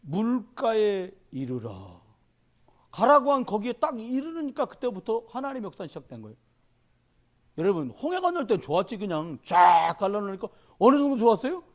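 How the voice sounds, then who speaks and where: A man's voice: sits high, normal speed. Korean guy preaching a sermon, middle-aged, acts out stories, voice jumps all over. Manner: animated storytelling, shouting in quoted dialogue. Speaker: pastor.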